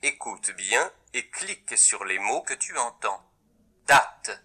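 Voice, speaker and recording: Slow, bright male app narrator. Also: on the low side, sing-song. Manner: clearly articulated, dictating single words. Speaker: instructional narrator of a reading app. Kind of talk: scripted instructions to a child.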